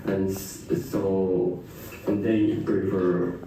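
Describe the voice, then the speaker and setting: A man's voice: low-pitched, little pitch movement, extremely slow, dark tone. A man, answering interview questions in simple, hesitant English. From China. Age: 20s. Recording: echoey room, far from mic.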